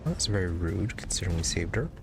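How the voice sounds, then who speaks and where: A man's voice: deep voice, animated, quick pace, creaky, over music. A man giving casual commentary as he plays through a video game. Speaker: gamer, let's play commentator.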